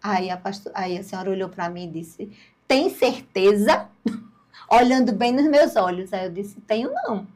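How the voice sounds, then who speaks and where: An older woman, a podcast guest telling her story in a lively way and acting out the dialogue. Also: mid-range voice, moderate pace. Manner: lively storyteller, acts out dialogue, laughs at herself.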